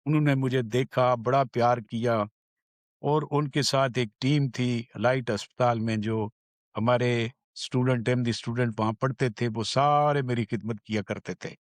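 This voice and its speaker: A man from Pakistan, earnestly telling the story of his survival in an unhurried way. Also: mid-range voice, fairly even intonation, dry recording. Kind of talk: personal storytelling.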